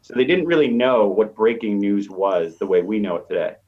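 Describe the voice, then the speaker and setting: Over a slightly dull, lo-fi connection, a media professor invited as an expert guest works through his explanations aloud in a conversational style. His voice is on the low side and animated, at a moderate pace.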